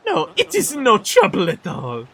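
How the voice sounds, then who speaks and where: A man's voice: very high voice, huge pitch swings, unhurried, vocal fry, bright, forceful tone, voice pushed up, heavily acted. A man doing a pompous boastful adventurer. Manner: grandiose and theatrical.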